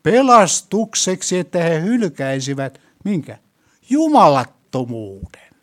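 A man's voice: a little high, very animated. Emphatic male preacher in church. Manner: asks the congregation questions, rising to loud emphatic peaks. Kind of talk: sermon and prayer.

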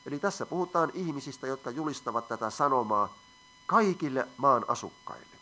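Male preacher, crisp bright tone, teaching sermon with questions to the room. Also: mid-range voice, lively intonation. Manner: asks the audience questions, reads scripture aloud.

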